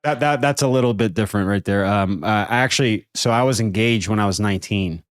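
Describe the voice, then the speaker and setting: A man's voice: on the low side, quick pace, dry recording, studio quality. A man in his thirties hosting a podcast, talking casually and rambling with repeated words and fillers. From Brazilian family background. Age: 30s. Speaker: podcast host. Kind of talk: casual conversational interview.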